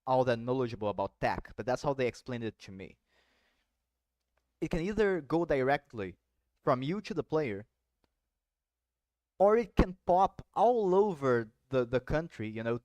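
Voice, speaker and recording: A podcast host from South Brazil chats casually in relaxed, rambling English, explaining with many asides and swearing now and then. His voice sits at an ordinary middle pitch, and the recording is dry with no room echo.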